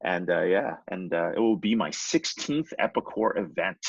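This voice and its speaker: Lively, husky-voiced male host. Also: low voice, no echo. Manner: animated, quick questions with frequent fillers. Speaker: show host. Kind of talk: casual interview chat. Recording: dull lo-fi call audio, dry.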